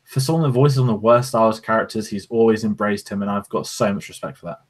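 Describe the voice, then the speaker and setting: A man's voice: fairly low pitch, quick pace. A man co-hosting a podcast, chatting casually in a rambling, opinionated way. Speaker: podcast co-host. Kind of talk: casual chat. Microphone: podcast microphone.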